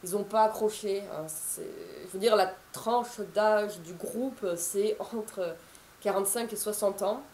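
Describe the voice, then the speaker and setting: A woman's voice: mid-range voice, measured pace, darkish tone, roomy sound, a little hiss or hum. A woman in her thirties, an author, chatting to camera in a casual, rambling way with many fillers and restarts. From France. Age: 30s.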